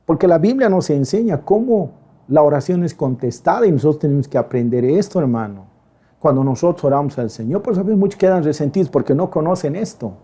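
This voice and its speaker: A male pastor giving a lively, conversational sermon, acting out quoted voices in quick emphatic bursts. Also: fairly high pitch, slightly rough.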